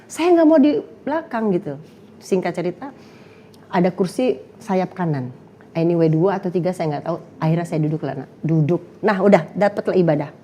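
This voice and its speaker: A woman's voice: fairly low pitch, animated, moderate pace, dark tone, a little hiss or hum. A young woman telling her story in casual chat, acting out quotes and laughing often. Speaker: guest sharing testimony.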